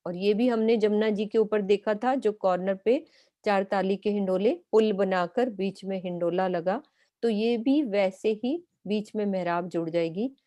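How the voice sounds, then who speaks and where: A woman speaks as a spiritual teacher, patient and methodical as she points out details one by one. Her voice is warm and mellow. The recording is close and dry. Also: medium pitch, a little slow, no echo. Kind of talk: explanatory lesson.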